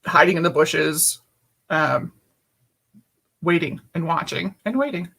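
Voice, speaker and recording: A woman's voice: low-pitched, slow, gravelly, a bit bright, husky. A woman guest telling a personal story in conversation, blunt and emphatic, swearing freely, over a video call.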